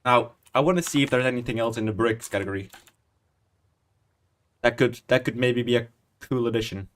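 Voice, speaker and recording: A brisk, mid-range male voice belongs to a guy in his 20s casually streaming Minecraft. He rambles, chats, and pokes fun at himself, muttering under his breath as he types commands into the building game.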